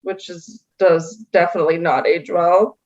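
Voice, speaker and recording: A woman's voice: fairly low pitch, fairly even intonation, normal speed, a little mellow, muffled recording. A woman guest on a podcast in casual chat, wry and laughing through her stories.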